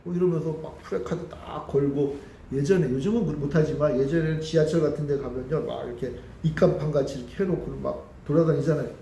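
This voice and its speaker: Korean pastor preaching in an echoey hall. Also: male voice, a little high, quick pace, gravelly, mellow, slight background noise. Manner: conversational preaching, asks the congregation questions. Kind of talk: sermon. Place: church sanctuary. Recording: echoey church hall with faint ambience.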